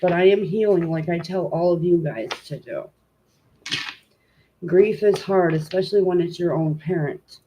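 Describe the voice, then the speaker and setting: On noisy audio, a home tarot streamer speaks at a moderate pace in a fairly low voice, clearly stuffed up and congested. She's chatty and rambling, says "um" often, and greets her viewers while doing casual live-stream talk and card readings.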